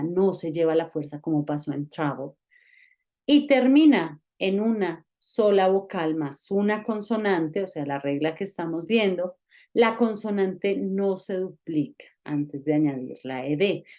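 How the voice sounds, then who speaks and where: A woman's voice: fairly low pitch, darkish tone. A woman teaching an online English grammar lesson, explaining each rule step by step and checking in with the learner. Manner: patient, explains step by step with many check-ins.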